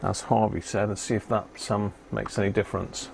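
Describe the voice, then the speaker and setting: Fairly low and quick, with little pitch movement, the man's voice carries casual live commentary on an electronics repair. He's an amateur radio hobbyist streaming the job, muttering as he concentrates on fiddly work amid clear background noise.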